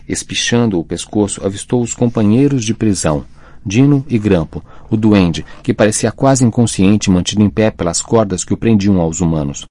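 A man tells the story as an audiobook narrator, deep-voiced and measured. His reading is dramatic but steady. The recording is close and dry, with no room sound. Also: dry recording.

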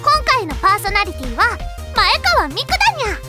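A stubborn, cheeky teen idol who talks like a cat in an anime radio drama. Her voice sits very high and swoops up and down with lively bounce, tacking "nya" onto her phrases. Loud music plays behind her. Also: brisk. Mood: chirpy. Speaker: radio show personality. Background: children's music.

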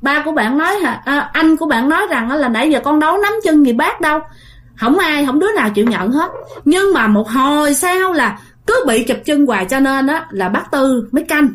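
A woman's voice: high-pitched, animated, brisk. A woman telling a ghost story in a casual, chatty way, talking straight to her listeners. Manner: chatty, addresses listeners directly, many fillers.

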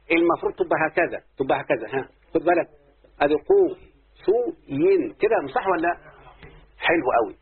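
This lesson on word forms comes from a man with an Egyptian Arabic accent whose voice is a little high with a breathy edge. He quizzes his students constantly, asking the same questions again and again, and the sound is tinny and lo-fi, like a phone.

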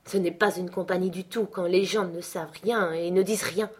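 A woman reading aloud, voicing a headstrong, imperious young woman who is sharp and scornful. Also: lowish voice, steady tone, slightly rough. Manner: sharp, scornful, quick to anger.

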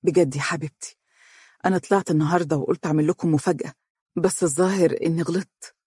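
A man voicing a soft-spoken Egyptian husband. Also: on the high side, steady tone, very fast, husky, no echo, clean studio sound. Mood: tender. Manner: soft, hushed and tender. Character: loving, reassuring young husband, a doctor.

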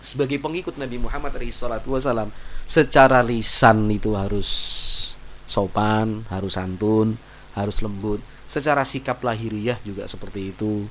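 A man giving a casual religious lecture, chatting with the audience through rhetorical questions and acting out quoted people in sudden loud, high outbursts. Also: steady tone, moderate pace, a little hiss or hum. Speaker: Islamic preacher.

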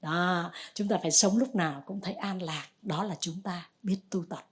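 A Buddhist nun giving a conversational Dharma talk, telling stories and gently exhorting. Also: female voice, lowish voice, normal speed, heavy background noise.

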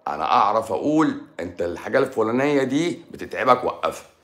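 A man's voice: on the low side, lively intonation, fast, a bit bright, roomy sound. A man with an Egyptian Arabic accent talking casually on a livestream as a doctor answering viewers, blunt and teasing, sometimes dropping to a mutter. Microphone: livestream microphone.

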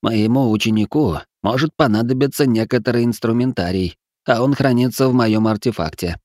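A man's voice: mid-range voice, fairly quick, a little mellow, no room sound, clean studio sound, lightly acted. A man voicing a sheepish, apologetic old wizard who teaches magic, in an audiobook reading. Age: older. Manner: apologetic, sighing.

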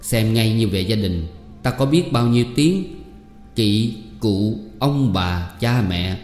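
Man reading as a patient middle-aged dad, lecturing, measured, mellow voice, echoey hall, soft music behind. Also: fairly low pitch, lively intonation. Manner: measured, instructive, sentence by sentence. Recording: reverberant hall with faint music.

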